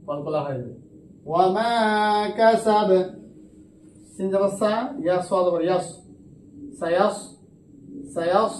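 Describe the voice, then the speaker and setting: A man with a Bangladeshi Bengali accent teaching Quran reading, spelling out letters and vowel marks slowly in a drawn-out, melodic way. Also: a little high, darkish tone, slight background noise. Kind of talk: spelling-out recitation lesson. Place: madrasa classroom. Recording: echoey room, mic at a distance, faint background ambience.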